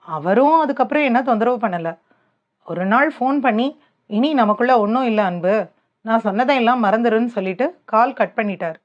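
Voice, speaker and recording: A woman's voice: fairly high pitch, expressive, moderate pace, muffled recording, lightly acted. A woman reading a teary earnest young woman. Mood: defensive. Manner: pleading, defensive colloquial speech.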